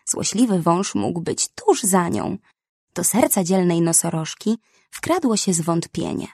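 A woman narrating a children's storybook in an expressive, unhurried way. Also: lowish voice, breathy edge, no room sound, clean studio sound.

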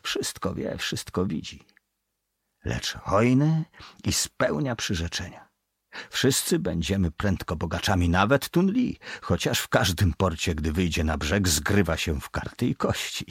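A man voicing a husky, secretive old bosun. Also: low voice, very animated, a little slow, no echo, clean studio sound, heavily acted. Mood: guarded. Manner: hushed, secretive. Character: evasive, superstitious middle-aged male ship's bosun.

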